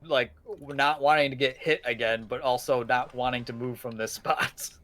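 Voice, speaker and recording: A man's voice: medium pitch, steady tone, normal speed, a bit bright. A man narrating a tabletop horror game as game master, casual with lots of fillers and chuckles.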